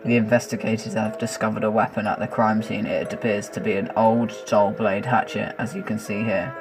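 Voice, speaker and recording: Guy reading as a tv news reporter, formal announcing tone, a bit louder than his narration. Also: on the low side, level tone, a little fast, over music, lightly acted.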